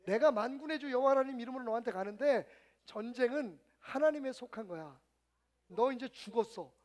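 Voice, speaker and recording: A man's voice: very high voice, fairly quick, a little mellow. A male preacher playing the boy David as a cocky, swaggering braggart. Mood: defiant.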